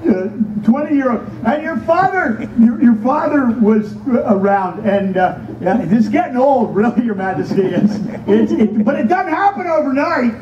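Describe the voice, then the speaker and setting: A man playing a rambling, hesitant ageing knight in a comic stage monologue at an outdoor Renaissance fair, halting and repeating himself. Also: extremely high pitch, animated, noisy background. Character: rambling, hesitant ageing village knight musing on old age. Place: outdoor wooden stage at a fair, far camera. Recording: distant, muffled, echoey outdoor stage.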